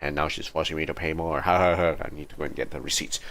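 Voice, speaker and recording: A livestreamer with a low voice rambles casually while playing a video game, talking at a quick pace. He tells his stories in an animated way, tossing in exasperated asides, with the game's music playing behind him.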